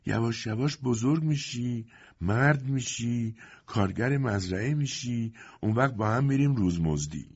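A man voicing a gentle young peasant mother, her voice soft and trembling, in an audiobook. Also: low voice, animated, long pauses, husky, dull audio, full character voice. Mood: tender.

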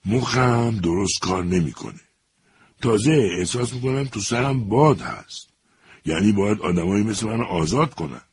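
A slow, drawn-out prisoner, voiced by a man with a very low, deep voice. He talks in a self-pitying way, stretching his words as he pleads his case. A faint hiss sits behind him. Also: animated, close to an everyday voice. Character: slow-talking unshaven male prisoner feigning madness.

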